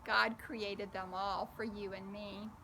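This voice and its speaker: Here a medium-pitched woman leads a kids' story time with slight noise behind her. As reader and host, she goes slowly and expressively, turning to the young audience with questions.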